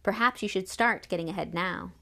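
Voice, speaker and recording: A woman voicing a kindly father of several daughters in an audiobook, speaking calmly and evenly. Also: medium pitch, fairly quick. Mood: teasing. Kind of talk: audiobook character reading.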